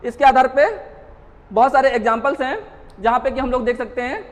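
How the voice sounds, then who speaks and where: A man teaching exam-prep grammar at a coaching class explains step by step, answering his own rhetorical questions and repeatedly confirming students are following. His very high voice holds a steady tone at a slightly fast pace, in a big-room acoustic.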